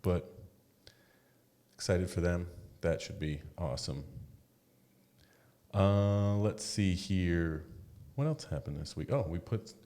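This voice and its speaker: A man with a very deep voice chats casually as a podcast co-host. He talks in a laid-back, blunt way and swears offhandedly. His delivery is relaxed and conversational. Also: takes it slowly, pauses often. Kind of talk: casual chat.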